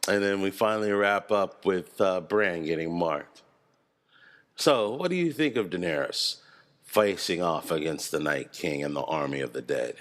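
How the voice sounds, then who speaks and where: A man giving casual video commentary, animated, chuckling and swearing freely as he analyzes scenes. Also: deep voice, moderate pace. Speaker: video creator analyzing a TV series.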